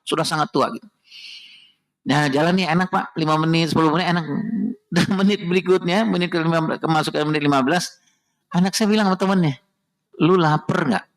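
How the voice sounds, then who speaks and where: A middle-aged man delivers a heartfelt storytelling sermon on parenting in a mosque. His voice is gravelly and sits slightly high. He keeps drawing the congregation in by addressing them directly. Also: fast. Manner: emotional, addresses the audience directly and often. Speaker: parenting speaker at a mosque study session.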